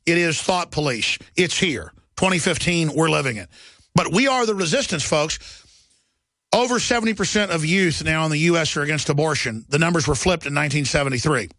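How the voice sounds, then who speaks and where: A man's voice: lively intonation, fairly quick, fairly bright tone, no room sound. A man hosting a talk radio show, ranting in a heated monologue and turning sarcastic, his voice jumping up when he mocks. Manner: ranting, sarcastic, voice jumps high when mocking.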